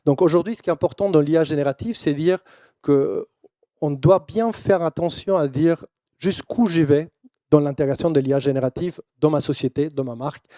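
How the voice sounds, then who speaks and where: A man's voice: a little high, moderate pace, warm tone, dry recording, clean studio sound. A man who is not a native French speaker, giving a business presentation in French with a foreign accent, dropping English business terms into loose non-native phrasing. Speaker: conference speaker.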